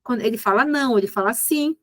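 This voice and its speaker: A woman's voice: a little high, quick pace, no room sound. A woman, a mentor patiently explaining behavior management with examples. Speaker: ABA mentor.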